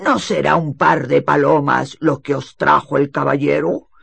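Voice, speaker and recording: A storyteller voicing a bad-tempered nobleman suitor who exclaims loudly. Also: mid-range voice, level tone, measured pace, creaky, slightly rough, no echo, exaggerated voice. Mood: suspicious. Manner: loud exclaiming. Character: scheming angry nobleman, a suitor.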